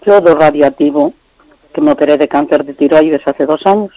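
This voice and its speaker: A woman's voice: deep voice, moderate pace, mellow, no room sound. A woman calling in to a radio show over the phone, describing her symptoms frankly and matter-of-factly. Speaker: caller. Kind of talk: radio call-in question. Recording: muffled phone line.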